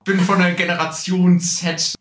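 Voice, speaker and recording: A nineteen-year-old man chatting as a podcast guest, pausing often and searching for words while he tells anecdotes. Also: high-pitched, level tone, fairly bright tone. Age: teens. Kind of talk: casual conversation. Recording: echoey room.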